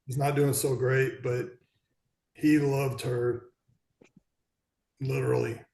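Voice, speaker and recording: A man's voice: mid-range voice, level tone, slow, vocal fry, a little mellow. A man on a video call speaking earnestly, repeating himself as he recalls a talk with his father. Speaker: family member on a memorial call. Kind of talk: casual conversation on a video call. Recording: roomy echoey video call.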